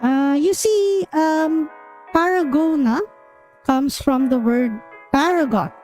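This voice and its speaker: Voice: high-pitched, slow, darkish tone, faint music behind, voice pushed up, rough recording. A streamer using a voice changer to voice a cute young female penguin persona, chatty and giggly while introducing herself to chat. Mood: cheerful. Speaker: VTuber streamer. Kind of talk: debut stream self-introduction.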